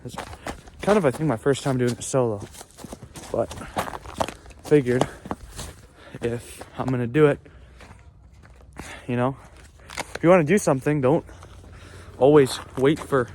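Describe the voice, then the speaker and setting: Recorded on a handheld phone or camera, a young vlogger chats off the cuff from a cold stream beneath a small bridge. His mid-range voice halts and pauses as he bears the cold, with outdoor background noise clearly audible.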